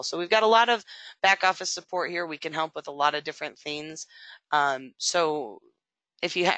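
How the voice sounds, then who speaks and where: An insurance agency support representative giving a conversational, upbeat training webinar, often pausing with "um". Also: mid-range voice, sharp tone, no echo. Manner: conversational, frequent "um" fillers; upbeat promotional tone.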